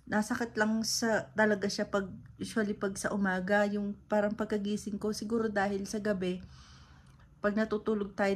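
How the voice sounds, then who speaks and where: A woman's voice: mid-range voice, a little mellow. A woman from the Philippines chatting casually in a vlog, rambling with lots of fillers. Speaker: vlogger.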